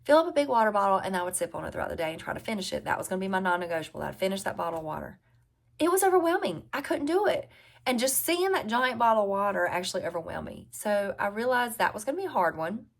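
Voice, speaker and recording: A woman's voice: medium pitch, very animated, quick pace, creaky. A woman in her forties with a Southern US drawl, giving casual, conversational advice as a health coach and repeating key phrases for emphasis. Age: 40s. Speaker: health and weight-loss coach. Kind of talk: casual advice talk to viewers.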